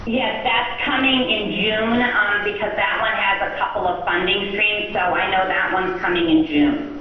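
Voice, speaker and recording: A woman speaking over a phone line as a state official answering council questions, pausing often with um fillers. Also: medium pitch, steady tone. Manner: frequent um fillers, halting phrasing. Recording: muffled echoey phone line, faint noise.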